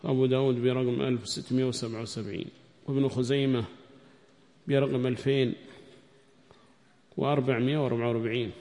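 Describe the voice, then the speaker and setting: A man teaching a hadith commentary lesson, repeating each phrase slowly for students to write down, reciting quoted text louder and higher. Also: fairly even intonation. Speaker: Islamic studies teacher. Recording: long hall reverb.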